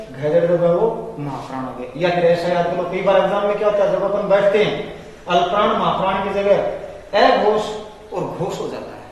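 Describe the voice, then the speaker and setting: Male teacher, high-pitched voice, patient explainer, distant mic in a reverberant room. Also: darkish tone, a little hiss or hum. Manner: explanatory, repeats terms slowly for students. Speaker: Hindi grammar teacher. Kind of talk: classroom-style lecture. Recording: echoey room from far off.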